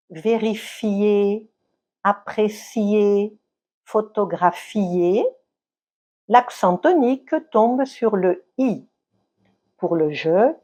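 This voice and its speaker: A woman teaching in a slow, carefully enunciated lesson. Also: medium pitch, dark tone, slightly rough. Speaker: French teacher.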